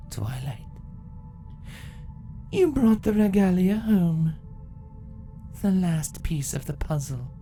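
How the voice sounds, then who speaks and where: A woman voicing an ancient changeling empress in a fantasy story, a calm, condescending and menacing villain who speaks deliberately. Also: medium pitch, pitched above the performer's own voice, heavily acted. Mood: cold, superior.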